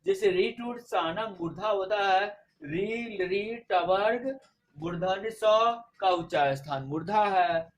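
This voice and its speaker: High-voiced man teaching a grammar lesson. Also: slight background noise. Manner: patient, repeats letters slowly and drills points for exams. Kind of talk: Hindi grammar lesson for exam students.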